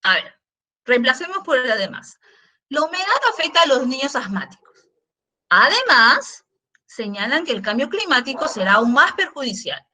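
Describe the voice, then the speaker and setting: A woman's voice: high-pitched, big pitch swings, moderate pace, bright, forceful tone. A middle-aged woman teacher explaining a grammar lesson patiently, asking her students questions and repeating examples. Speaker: secondary school language teacher. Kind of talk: online class explanation.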